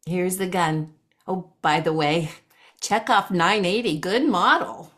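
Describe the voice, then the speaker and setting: A woman's voice: on the low side, slow pace, fairly bright tone. A woman playing a chatty, meddling Tooth Fairy in an improvised comic scene, over a video call. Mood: nosy chatty. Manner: chatty, gossipy, nosy.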